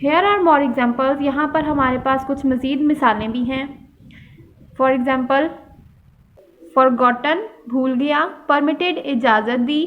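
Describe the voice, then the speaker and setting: Slow high-voiced woman teaching English. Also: steady tone, lo-fi sound, a little hiss or hum. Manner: reads English slowly and deliberately, explains in Hindustani. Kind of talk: slow classroom lesson explaining grammar.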